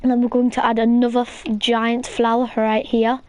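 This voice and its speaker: Chatty high-voiced woman gaming host. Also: completely flat delivery, normal speed, darkish tone, slight background noise. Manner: chatty, rambling, lots of "like" and "um". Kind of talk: casual gameplay tutorial chat.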